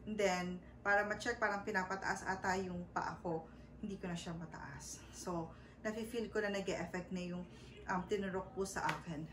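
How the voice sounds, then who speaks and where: A woman's voice: on the low side, steady tone, moderate pace. Thirtysomething woman vlogging her story, polite, lots of um's, mic kinda far, echoey room. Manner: polite, with frequent "po", hesitant fillers and English mixed in. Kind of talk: casual personal storytelling. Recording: roomy, a bit far from the mic, faint background noise.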